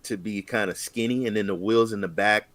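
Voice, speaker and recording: Excitable nostalgic man, dry sound. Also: fairly low pitch, brisk, dry recording. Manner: excited, nostalgic storytelling with exclamations. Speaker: co-host. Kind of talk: casual chat.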